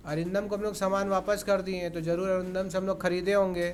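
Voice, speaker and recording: A high-pitched man teaches an accounts class, coaxing his students and pausing often to ask them questions. A faint hiss sits behind his voice. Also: level tone. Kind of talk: classroom lecture.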